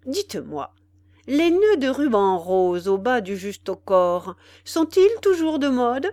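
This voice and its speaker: A woman's voice: fairly high pitch, very animated, takes it slowly, darkish tone, no room sound. A woman voicing a vain, foppish young male officer in a storybook reading, chattering and boastful.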